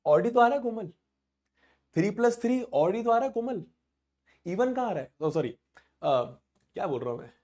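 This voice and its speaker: A man's voice: high-pitched, animated, moderate pace, pauses often, darkish tone. A young man teaching math in a casual live online class, thinking aloud and playfully teasing a student.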